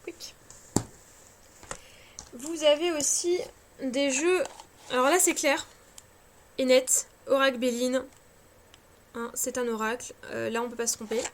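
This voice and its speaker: A woman's voice: sits high, steady tone, measured pace, long pauses. A tired woman chatting casually about card decks, hesitant and self-mocking, with many fillers and restarts. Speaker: cartomancy vlogger. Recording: faint scratching background noise.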